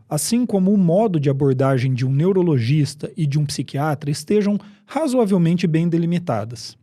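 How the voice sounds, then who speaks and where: A Brazilian man with a fairly high, mellow voice hosts a podcast discussion. He explains each point in a measured, scripted manner. The sound is close and dry. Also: no echo. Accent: Brazilian Portuguese. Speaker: psychiatry podcast host.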